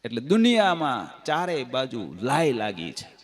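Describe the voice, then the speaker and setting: A man with a Gujarati accent giving a devotional scripture discourse, telling stories and folk anecdotes in a lively, sing-song way. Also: medium pitch, measured pace. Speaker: katha storyteller.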